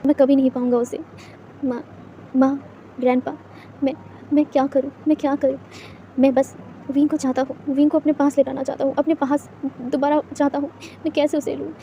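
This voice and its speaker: A woman's voice: sits high, steady tone, fast talker, warm tone, muffled recording, a little hiss or hum. A woman voicing a lovesick young male boss who stammers and pleads through tears, in a storybook reading. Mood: quiet grief.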